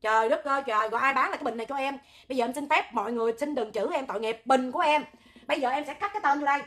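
This woman with a Southern Vietnamese accent speaks high and fast, with a loud, piercing voice that cuts through. She hosts a livestream in a hot-tempered, animated way, rambling into jokes. Her tone is sharp and bright. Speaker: livestream host, charity oxygen volunteer. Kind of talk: livestream talk to viewers.

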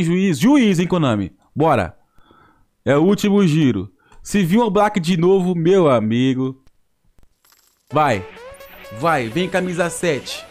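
A young Brazilian man commentates a football game with huge swings in pitch, his voice riding up and down. He sits a little higher than most men and groans and laughs at his bad luck, with light music playing under him. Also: darkish tone. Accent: Brazilian Portuguese. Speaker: mobile football game YouTuber. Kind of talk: excited gameplay commentary.

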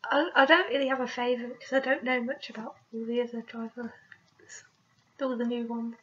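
A young woman speaks in a high voice while suffering from a cold. She rambles casually through questions in a self-deprecating way. The sound is lo-fi and slightly muffled, picked up by a webcam microphone in a small room. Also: steady tone, brisk, fairly bright tone. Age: young adult. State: has a cold. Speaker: vlogger. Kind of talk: casual question-and-answer vlog. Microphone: webcam microphone at arm's length. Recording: dull lo-fi laptop webcam audio.

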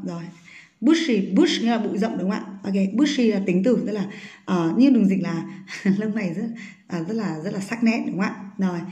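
A woman teaching an English vocabulary lesson. She reads English sentences slowly, explains them quickly and often asks her students check questions. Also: medium pitch, warm tone, roomy sound.

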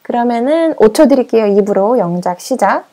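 Woman teaching english, highish warm mellow voice, says the example sentences real slow for drills. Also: animated. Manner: gives prompts and countdowns, repeats English sentences slowly. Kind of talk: language lesson with drills.

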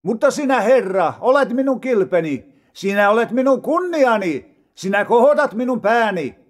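Man reading scripture with lively pitch. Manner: solemn, measured, dramatic rises and falls. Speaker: Bible reader.

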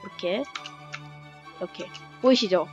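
A woman's voice: mid-range voice, unhurried. A woman hosting a gaming channel, talking casually over gameplay in a chatty way, cheering at good moments and often restarting her sentences. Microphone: device mic, screen-recorded voice-over. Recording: slightly muffled with faint background music.

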